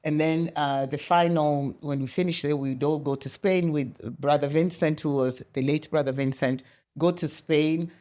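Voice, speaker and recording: A middle-aged Kenyan woman appears as a guest in a conversational interview, telling animated stories and often restarting her sentences. Her voice is low-pitched and her pace moderate.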